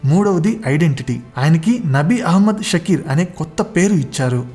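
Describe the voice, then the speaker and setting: Storyteller, warm dark tone, measured dramatic delivery, faint music bed. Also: medium pitch, expressive. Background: faint background music.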